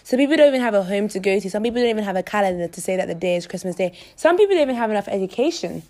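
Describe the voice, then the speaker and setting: A teenage girl hosts a laid-back podcast with her friends. She is chatty and energetic, and she teases her guests playfully. Her pitch sits in an ordinary middle range. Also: very fast. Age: teens. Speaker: podcast host. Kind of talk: casual chat.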